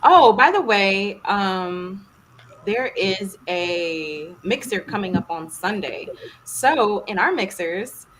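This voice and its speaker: A woman hosting a casual podcast livestream, lively and teasing, often laughing. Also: mid-range voice, slow, background noise. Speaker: podcast host.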